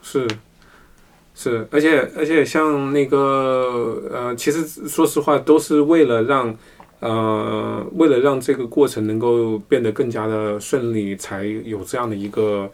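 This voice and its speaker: A man's voice: medium pitch, fairly even intonation, unhurried. A man as a podcast guest in a casual discussion, talking through ideas patiently and explaining step by step.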